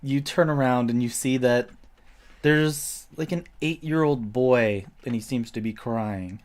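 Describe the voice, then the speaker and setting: A man's voice: mid-range voice, a little slow, darkish tone. A man narrating as game master of a tabletop game, describing scenes loosely with many fillers.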